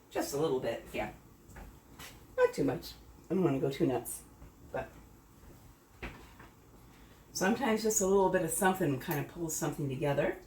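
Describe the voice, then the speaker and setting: A middle-aged woman with a low voice talks through a home cooking demo in a chatty, rambling way, correcting herself as she goes. She is recorded from a distance in an echoey kitchen with a faint hum of room noise behind her. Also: darkish tone. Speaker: home cooking channel host. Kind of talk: casual cooking demo chat.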